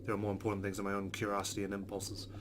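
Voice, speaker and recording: With background noise and game music featuring plucked guitar behind him, a man hosts a let's play of a visual novel. His voice is on the low side and monotone, and he reads the text and comments casually at a very fast clip.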